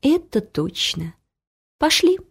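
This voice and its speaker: Brisk practical young woman, read by a woman. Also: high-pitched, big pitch swings, gravelly, pitched above the performer's own voice, heavily acted. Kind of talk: audiobook character reading.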